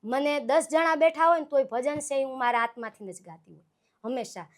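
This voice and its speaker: A woman, talking as a guest singer in a relaxed interview. Her voice sits high, and her manner is sincere and heartfelt as she tells her stories. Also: fairly quick. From Gujarat, Saurashtra. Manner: earnest, heartfelt, storytelling. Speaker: guest, devotional folk singer. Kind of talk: casual interview conversation.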